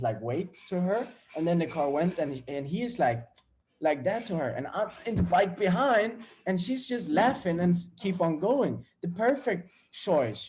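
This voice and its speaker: A man's voice: on the high side, darkish tone, a little hiss or hum. A young man, talking casually and bluntly to viewers, swearing freely as he tells a story. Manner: candid, blunt and profane. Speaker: vlogger.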